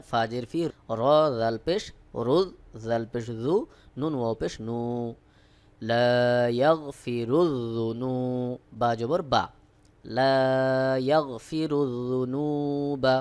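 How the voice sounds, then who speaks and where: In this Arabic recitation lesson, a man with a Bangladeshi accent, Bengali being his first language, slowly spells each syllable and then says the combined word again. His pitch is medium and his tone is somewhat dark.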